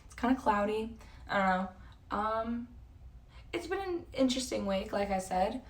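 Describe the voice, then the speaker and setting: A woman in her early twenties from San Jose, California and Toronto, Canada chats casually with livestream viewers in a North American accent, rambling, using slang, and cutting herself off. Her voice is fairly high and animated at normal speed, and she sits far from the mic.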